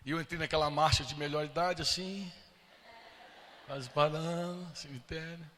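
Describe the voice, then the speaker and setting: Bright-voiced man preaching a testimony. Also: a little high, fairly even intonation, moderate pace, slight background noise. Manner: emotional storytelling, acting out quoted voices. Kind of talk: sermon testimony. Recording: long hall reverb.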